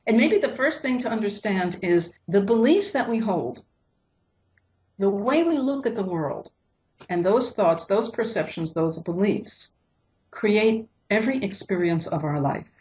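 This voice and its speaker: A woman counselor calmly explaining couples' conflicts in an interview, sometimes acting out what partners say. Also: medium pitch, unhurried, dull audio. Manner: acts out quoted couples in lively voices. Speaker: relationship counselor.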